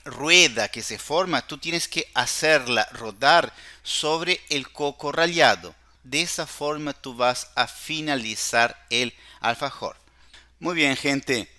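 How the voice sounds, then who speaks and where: Slow, bright-voiced male Spanish teacher. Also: medium pitch. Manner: checks in constantly with short tag questions. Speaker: language school podcast host and Spanish teacher. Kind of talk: slow explanatory recipe lesson. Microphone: podcast microphone.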